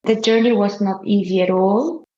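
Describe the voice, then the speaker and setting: A woman's voice: medium pitch, fairly even intonation, moderate pace, warm tone, roomy sound, highs cut off, slight background noise. A woman from Albania, a guest in an interview, speaking hesitantly and modestly, with fillers and restarts. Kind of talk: casual interview conversation.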